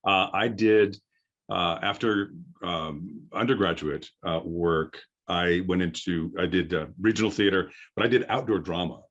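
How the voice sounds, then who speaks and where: A middle-aged voice acting coach with a deep, firm voice gives an informal workshop lecture, explaining haltingly and pausing to think. His tone is fairly bright, though the recording sounds muffled.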